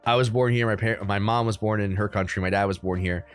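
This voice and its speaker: Faint music plays behind a young American crypto livestream host as he chats casually with viewers from his room at home, rambling with ums and likes throughout. His somewhat low voice moves fast with fairly even intonation.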